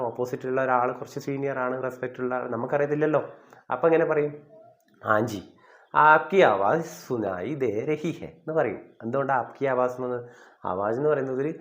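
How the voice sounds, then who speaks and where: A man's voice: medium pitch, highs cut off. A man teaching a spoken Hindi lesson, explaining step by step and often checking that listeners follow.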